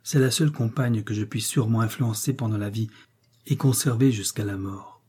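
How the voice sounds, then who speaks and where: A man's voice: fairly low pitch, normal speed, warm tone, breathy edge. A man reading the part of a stern young male missionary, speaking in a brief, commanding and insistent way.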